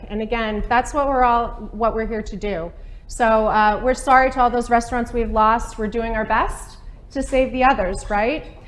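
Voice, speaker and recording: A woman in her thirties from Maine, hosting a live webcast in a chatty, upbeat way from a studio set. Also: a little high. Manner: upbeat, chatty, laughs often. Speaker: webcast host. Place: studio set with a small table and laptop.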